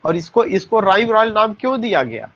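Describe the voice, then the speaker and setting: Guy teaching an online class, highish voice, kinda dull lo-fi audio, spells stuff out slow. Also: very animated, fairly bright tone. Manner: explains terms slowly, spells words letter by letter; poses questions to the class and answers them. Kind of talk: exam-prep lecture.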